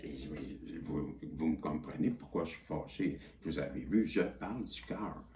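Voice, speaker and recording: A man with a Québécois accent telling viewers a story in a casual, animated and indignant way, swearing freely. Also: very deep voice, unhurried. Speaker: channel host. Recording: echoey room with faint noise.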